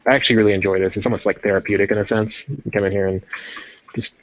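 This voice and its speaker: Chatty low-voiced man on a stream. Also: fairly even intonation, rapid-fire, a bit bright. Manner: rambling, chatty, self-interrupting. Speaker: livestream host painting a 3D model. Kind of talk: casual livestream chat. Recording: dull lo-fi stream audio.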